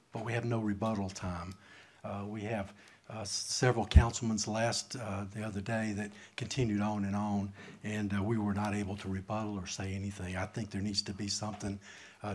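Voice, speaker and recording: Husky, slow-speaking man at a public forum. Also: fairly low pitch, a little mellow. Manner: slow, halting speech. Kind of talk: public comment from handwritten notes. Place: council meeting room.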